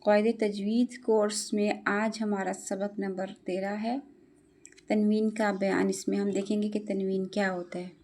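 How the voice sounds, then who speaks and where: A young adult woman teaching Quran recitation as a spoken lesson. She is patient, spells letters out slowly and often stops to check that her listeners follow. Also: mid-range voice, flat delivery, a little mellow.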